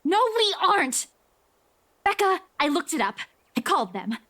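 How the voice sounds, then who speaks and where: A woman's voice: sits high, sing-song, normal speed, sharp tone, exaggerated voice. An actress playing a desperate, stubborn young woman in a visual novel game, urgent and insistent as she pleads. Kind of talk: dramatic visual novel voice acting.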